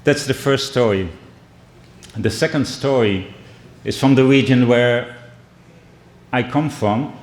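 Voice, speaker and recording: A middle-aged man from the Netherlands with a Dutch and Brazilian accent, giving a measured keynote speech and telling stories, often pausing and restarting. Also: medium pitch. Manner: measured, with frequent restarts and pauses. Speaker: keynote speaker. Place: indoor conference hall. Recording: echoey hall.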